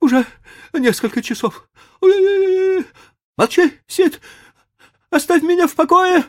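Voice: very high voice, expressive, measured pace, voice pushed up. A whiny, melodramatic boy. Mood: whining. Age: child.

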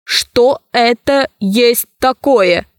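A woman doing a slow, toneless robot voice. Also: on the high side, no echo, clean studio sound. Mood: flat. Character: emotionless male robot, slow flat speech. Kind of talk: storybook reading.

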